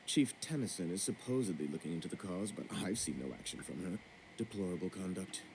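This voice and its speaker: An actor playing a fussy, pompous male bureaucrat on a ship in a video game, with prim, fastidious diction. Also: deep voice, expressive, darkish tone, a little hiss or hum, low-quality recording. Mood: indignant.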